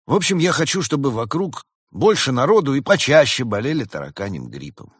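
A man's voice: mid-range voice, big pitch swings, brisk, husky, no room sound, studio quality, voice pushed up. A man voicing a nervous, defensive male rabbit doctor in a read-aloud fairy tale. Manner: fretful, defensive.

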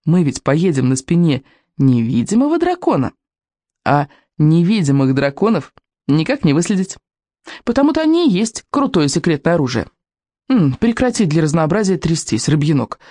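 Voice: medium pitch, sing-song, moderate pace, dark tone, no echo, studio quality. A reader doing a brash daring Viking girl. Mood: teasing. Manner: teasing, brash, shrieks. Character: bold small blonde Viking girl, daring.

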